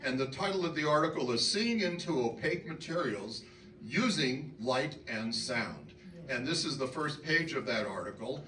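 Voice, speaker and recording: A man's voice: mid-range voice, animated, moderate pace, bright, forceful tone. Older man chatting on an open mic stage. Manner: chatty, self-deprecating, with fillers. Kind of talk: casual stage talk. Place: auditorium stage. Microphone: handheld mic. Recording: echoey hall, from far off, noisy.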